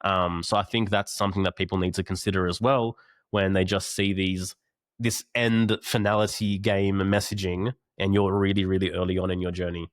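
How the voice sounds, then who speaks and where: A man's voice: low voice, level tone, moderate pace, no room sound, clean studio sound. A man, a podcast guest, talking earnestly over a video call and telling a parable in casual conversation. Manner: earnest, storytelling.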